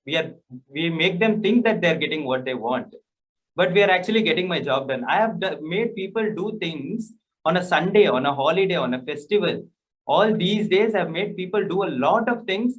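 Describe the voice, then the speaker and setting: A man's voice: a little high, poor audio. A man speaking on a panel, emphatic, stressing words with shifting intonation. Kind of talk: conversational panel talk.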